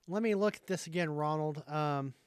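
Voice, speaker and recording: Guy doing a casual livestream, smooth highish voice, kinda hesitant, thinking out loud, no room echo. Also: moderate pace, clean studio sound. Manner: hesitant, thinking aloud while figuring things out. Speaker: livestream host.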